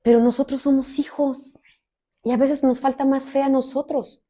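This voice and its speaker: A woman from Mexico preaching a sermon as a minister, expressive, swinging between loud emphasis and soft asides. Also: high-pitched, moderate pace.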